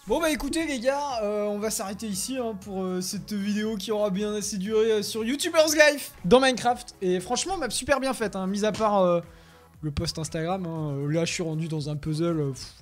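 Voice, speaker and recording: Man, gaming commentary, excitable and chatty, odd put-on accent, faint music behind. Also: high voice, brisk. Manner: excitable, chatty, talks to himself while playing. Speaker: gaming YouTuber. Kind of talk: Let's Play commentary.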